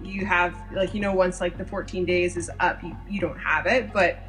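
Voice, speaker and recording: A woman speaking with worry, halting and full of fillers. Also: fairly low pitch, flat delivery, fairly bright tone, faint music behind, low-quality recording. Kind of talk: casual testimonial.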